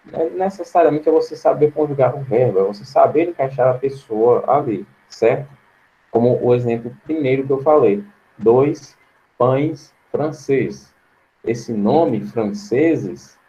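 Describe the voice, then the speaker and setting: A male teacher with a Brazilian Portuguese accent giving an online grammar lesson, patient and slow, repeating words to his students. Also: medium pitch, dark tone, lo-fi sound.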